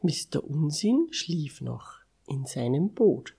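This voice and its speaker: A woman reading a bedtime story to children, expressive and dropping to a whisper for asides. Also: low-pitched, slow pace, creaky, husky.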